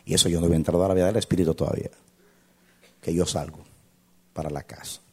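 A male pastor telling a testimony in a sermon, dramatic, swinging from loud to hushed. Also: low voice, fairly even intonation, fast talker, breathy edge.

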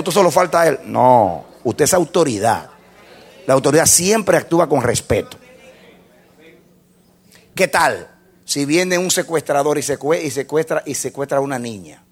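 Husky-voiced pastor telling a lively sermon story. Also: male voice, a little high, moderate pace, a faint crowd. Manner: storytelling with laughter and acted-out dialogue, shifting from hushed to loud.

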